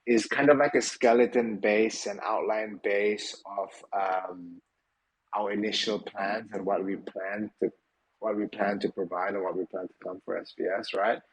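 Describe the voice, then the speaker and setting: A man with a lowish voice hosts a live online audio chat, speaking off the cuff. He leans on fillers and tag questions and now and then lets a swear slip. Faint noise sits under the recording. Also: fairly even intonation, unhurried, poor audio. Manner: loose, filler-heavy, informal and a bit profane. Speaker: project team member hosting an AMA.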